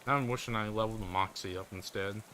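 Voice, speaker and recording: A man's voice: on the low side, fast talker, sharp tone, a little hiss or hum. A man giving casual let's-play commentary, musing aloud and trailing off as he thinks. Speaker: gameplay commentator.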